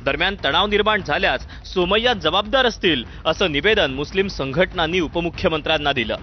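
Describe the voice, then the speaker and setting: A man with a slightly high voice reads scripted news narration fairly quickly and dramatically. The sound is a bit dull, with background music underneath.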